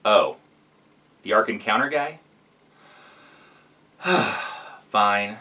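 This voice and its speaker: A man's voice: on the low side, lively intonation, very slow, pushed and bright, far from the mic. A man hosting a reaction video, giving sarcastic, explanatory commentary.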